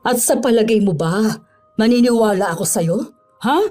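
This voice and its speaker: An actress playing a stern older mother-in-law and grandmother who scolds her son with sharp retorts, in a horror audio drama. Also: medium pitch, moderate pace, faint music behind, lightly acted. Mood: scolding. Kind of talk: Filipino radio-style horror drama acting.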